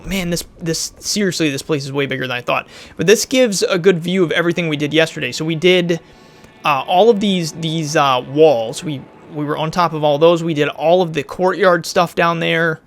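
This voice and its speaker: Gravelly-voiced man chatting over gameplay. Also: fairly high pitch, normal speed, a bit bright. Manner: chatty, rambling, thinks aloud. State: losing his voice a bit. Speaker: gaming YouTuber. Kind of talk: casual let's-play commentary.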